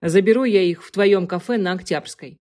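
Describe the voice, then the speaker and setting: A woman's voice: lowish voice, moderate pace, a little mellow, lightly acted. A woman voicing an impulsive man in his thirties who speaks urgently and emphatically in an audiobook. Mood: eager.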